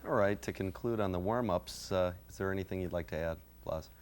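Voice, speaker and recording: A man's voice: sits low, a little fast. A man asking brief questions as the interviewer in a drum lesson video, speaking off-mic. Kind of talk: interview prompts.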